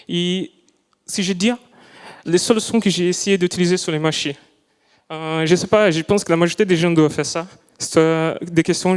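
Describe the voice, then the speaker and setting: A young man presents his student project, speaking a language that is not his first. He talks carefully, restarts often and searches for words. His voice is slightly high and smooth, with a long reverb from the hall. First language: not French. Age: young adult. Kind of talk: live presentation talk. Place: lecture hall.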